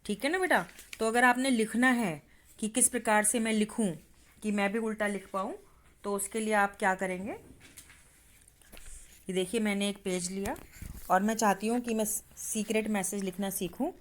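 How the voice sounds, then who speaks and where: A woman's voice: mid-range voice, fairly even intonation, normal speed, long pauses. A woman teacher giving a patient, step-by-step science lesson to schoolchildren, spelling letters aloud as she demonstrates. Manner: patient, addresses pupils as "beta".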